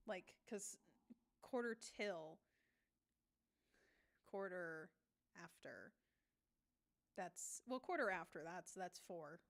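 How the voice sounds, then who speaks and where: A woman artist chatting casually while she draws on a stream, giggling often and rambling to herself. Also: lowish voice. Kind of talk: casual chat while drawing.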